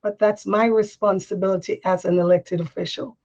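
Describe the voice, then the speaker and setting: A woman's voice: medium pitch, steady tone, fairly quick, a little mellow. Firm older Jamaican-born woman, dull audio. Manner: firm, self-assured. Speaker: mayor and candidate. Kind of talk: panel interview answers. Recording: dull lo-fi sound.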